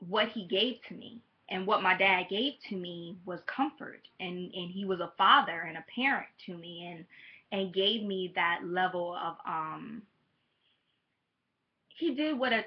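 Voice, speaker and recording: Woman in her 30s vlogging, open and rambly, lots of soft ums, kinda muffled lo-fi audio. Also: fairly low pitch. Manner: candid, rambling, drifts into tangents; soft-spoken and hesitant with frequent ums. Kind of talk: personal vlog talk to camera.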